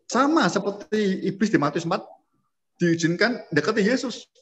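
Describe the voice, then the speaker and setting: A man's voice: high-pitched, expressive, moderate pace, a bit bright. A man preaching a conversational sermon, often calling his listeners brothers and sisters. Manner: conversational, addresses listeners as saudara. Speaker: pastor. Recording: dull lo-fi recording.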